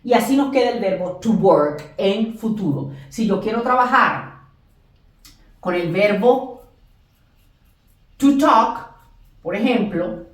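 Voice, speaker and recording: Lively woman teaching in an echoey room. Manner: repeats and drills examples slowly, stressing English words higher. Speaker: English teacher. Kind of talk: classroom lesson explanation. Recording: echoey room, distant mic.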